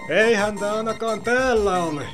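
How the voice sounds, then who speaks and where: A man's voice: sits high, lively intonation, soft background music, voice pushed up. A man voicing a faceless male intruder who calls out in short, clipped replies from another room in a storytelling reading. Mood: flat.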